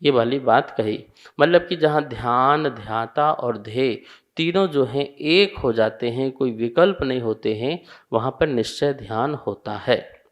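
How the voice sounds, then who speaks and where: A Jain monk teaching a scripture class, chanting each verse slowly word by word and then explaining every term, often asking and answering his own questions. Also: medium pitch.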